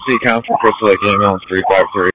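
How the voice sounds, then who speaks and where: A man's voice: fairly low pitch, fairly even intonation, quick pace, bright, forceful tone, no echo. A man on an ambulance crew giving procedural status reports over two-way radio. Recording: dull close two-way radio.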